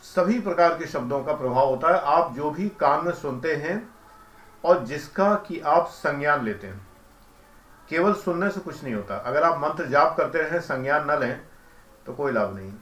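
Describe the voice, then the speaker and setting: A man giving a calm, explanatory devotional lecture as a spiritual teacher, who chants mantras slowly. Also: a little high, reverberant.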